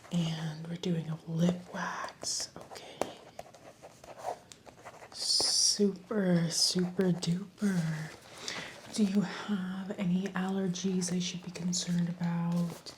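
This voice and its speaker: Slow, whispering woman doing ASMR. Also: fairly low pitch, little pitch movement, slight background noise. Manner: soft whisper, slow and soothing, chatty reassurance. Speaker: ASMR roleplay esthetician.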